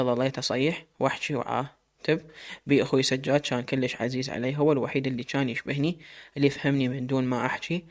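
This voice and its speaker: A man with an Iraqi Arabic accent telling a dramatic story in first person, emotional and full of quoted dialogue. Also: medium pitch.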